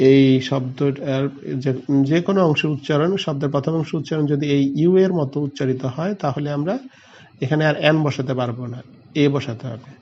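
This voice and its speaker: A man from Bangladesh teaches a grammar lesson, spelling out letters one by one and then answering the questions he poses himself. His voice sits a little high yet sounds mellow and soft-edged. The recording is slightly muffled and dull. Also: husky. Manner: explains step by step, spells out letters, asks and answers own questions.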